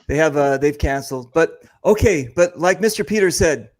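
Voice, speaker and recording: An American man hosts a relaxed chat with plenty of jokes and the odd swear. His voice sits high and leaps around a lot, full of energy. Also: moderate pace. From United States. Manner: animated and joking, swearing freely. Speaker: host. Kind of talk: casual chat.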